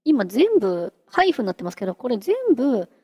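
A woman hosting a casual software tutorial, chatty and giggly, talking her way through a live demo. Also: a little high, big pitch swings, a little fast, slightly rough, long reverb tail. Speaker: VTuber host teaching singing-synth software.

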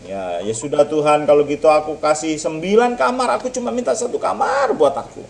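A man's voice: big pitch swings, brisk, vocal fry, slight background noise. A man voicing a frightened young man who cries out for help in a children's Bible story. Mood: pleading. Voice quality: high, shouting and pleading.

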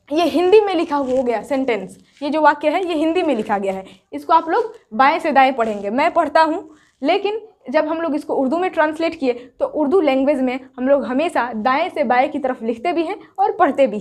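A woman teaching Urdu script step by step, patient and repetitive. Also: high-pitched. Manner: patient, repeats each point slowly. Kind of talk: step-by-step whiteboard lesson.

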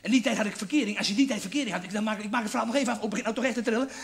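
Manic high-voiced male stand-up comic. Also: racing, creaky. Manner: manic, rambling, crude. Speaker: stand-up comedian. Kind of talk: live stand-up storytelling. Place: theatre stage before an audience. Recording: live show with audience laughter.

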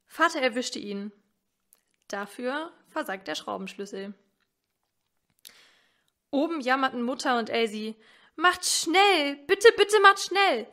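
A woman reading a story aloud in a measured, expressive way. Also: fairly high pitch. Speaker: story reader at a church advent event.

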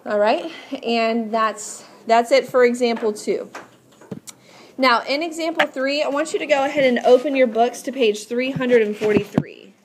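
A woman with a slightly high voice teaches in a patient, step-by-step manner. She explains instructively and puts questions to her class as she goes. There is faint noise in the recording. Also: steady tone, moderate pace. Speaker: math teacher.

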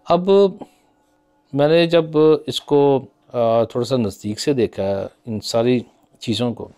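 A middle-aged man from Pakistan talks straight to the camera from a small office, recorded on a phone held at arm's length. He thinks aloud in a loose, conversational way, pausing on fillers as he works through his figures. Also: medium pitch, mellow, clear, resonant tone, soft background music. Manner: conversational, musing, with many fillers and hand gestures. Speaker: business commentator. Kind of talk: casual talk to camera. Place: small office with framed certificates on the wall.

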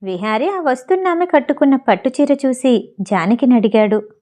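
Lady reading a story out loud, kinda high but mellow tone. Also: lively intonation, normal speed. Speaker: audiobook narrator. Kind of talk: reading a novel aloud.

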